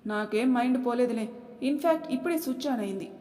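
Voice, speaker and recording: A woman's voice: fairly high pitch, quick pace, dark tone, natural voice. A woman voicing a playful, mischievous young wife in an audio story, in an echoey room. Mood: cheeky. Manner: mischievous, teasing. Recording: echoey room with long reverb.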